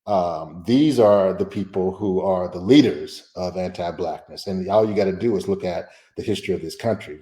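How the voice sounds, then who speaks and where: A man's voice: low-pitched, mellow. Male professor, emphatic slide lecture, plain-spoken, echoey room. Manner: emphatic, colloquial, blunt. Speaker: guest lecturer, history professor. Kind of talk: slide presentation, conversational lecture.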